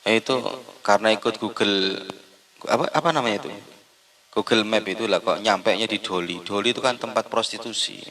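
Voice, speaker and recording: A man's voice: fairly low pitch, fairly quick, poor audio. A man preaching a humorous sermon, telling stories and mixing in phrases. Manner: lively storytelling, acts out wife and husband in dialogue; mixes Indonesian with Javanese phrases.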